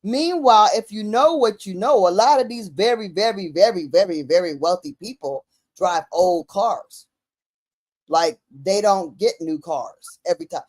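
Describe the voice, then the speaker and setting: A woman's voice: mid-range voice, expressive, normal speed, a little mellow. Woman in emphatic, slangy casual conversation.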